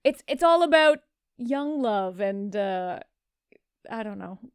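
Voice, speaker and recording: A woman's voice: medium pitch, animated, takes it slowly, clean tone, no room sound, clean studio sound. A woman co-hosting a podcast, chatting casually and animatedly, laughing and swearing freely. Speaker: podcast co-host. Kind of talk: casual chat.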